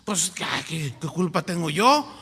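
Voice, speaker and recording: A man's voice: fairly high pitch, sing-song, measured pace, gravelly, bright, forceful tone, breathy edge, in a large hall, full character voice. A man voicing a boastful male church member who gives the most tithe and talks in a whiny, self-justifying way. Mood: indignant.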